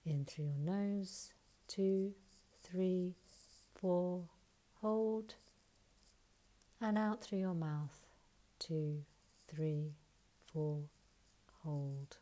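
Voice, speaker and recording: A woman leading a guided breathing exercise, counting breaths and giving calm, soft instructions, sometimes close to a whisper. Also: lowish voice. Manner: slow soothing counting instructions.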